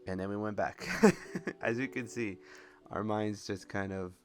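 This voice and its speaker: Low-voiced man commenting on a video game. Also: steady tone, a little slow. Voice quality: rambling, laughs often. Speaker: gameplay commentator. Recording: voice over game music.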